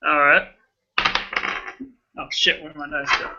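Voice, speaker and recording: A man's voice: fairly high pitch, fairly even intonation, takes it slowly, lo-fi sound, noisy background. A man playing in a casual tabletop role-playing game over voice chat, joking and playing up his character's lines. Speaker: player.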